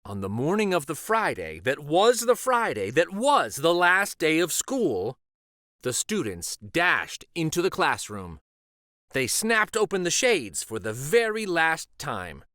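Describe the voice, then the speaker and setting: A man reading a children's picture book aloud as narrator, with expressive, dramatic emphasis. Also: on the high side, measured pace, no room sound, studio quality. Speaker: children's storybook reader and host.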